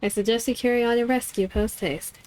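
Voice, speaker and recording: A woman voicing a formal, composed and polite female caller from a video game, speaking in a measured way. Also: a little high, fairly even intonation, darkish tone, close to an everyday voice, rough recording.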